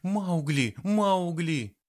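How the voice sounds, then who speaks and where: A man voicing a grumpy, sharp-tongued woman who snaps and scolds. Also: medium pitch, sing-song, unhurried, husky, voice pushed up, exaggerated voice. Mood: irritated. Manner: snappy, scolding.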